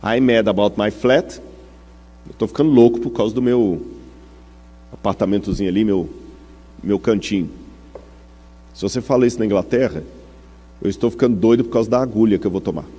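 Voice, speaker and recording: Mellow Brazilian preacher in a reverberant hall. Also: male voice, on the low side, fairly quick, pauses often, breathy edge. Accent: Brazilian Portuguese. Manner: explanatory, checks in with the audience through questions. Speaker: preacher teaching a congregation. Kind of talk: teaching sermon.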